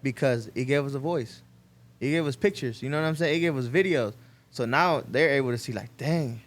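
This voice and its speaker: Late 20s barber dude from mexico, grew up in texas, chill group chat. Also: male voice, mid-range voice, fairly quick. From Mexico, raised in Texas. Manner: laid-back, says "you know what I'm saying" a lot. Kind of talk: casual group conversation.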